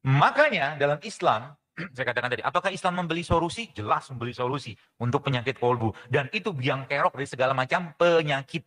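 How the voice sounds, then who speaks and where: A man preaching a lively sermon to a congregation, often asking questions and answering them himself, sometimes slipping in English phrases. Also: mid-range voice, fast talker. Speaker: preacher and physician giving a religious health talk.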